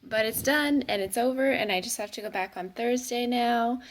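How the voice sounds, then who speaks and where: A young adult vlogger from Washington State in the Pacific Northwest talks casually and candidly to the camera, tossing in self-mocking asides. Her voice is a little high, her pace moderate, and there's no echo.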